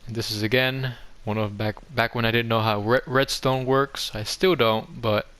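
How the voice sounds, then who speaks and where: A young adult man gives an offhand, rambling game tour for his gaming video, frequently self-deprecating. His voice is medium-pitched, steady, fairly bright, and clean, delivered at a moderate pace. Background music accompanies the recording.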